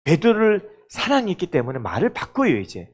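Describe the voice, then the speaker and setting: A man's voice: sits high, wildly swooping pitch, brisk, husky. A male pastor preaching a sermon, acting out the quoted dialogue as he goes.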